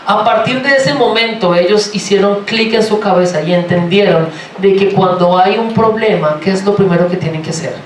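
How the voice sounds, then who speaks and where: A man from Colombia with a Colombian accent, preaching a sermon in a lively, joking way and asking the congregation many rhetorical questions. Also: high voice, moderate pace, hardly any pauses, slight background noise. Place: church sanctuary. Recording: roomy, from far off, faint ambience.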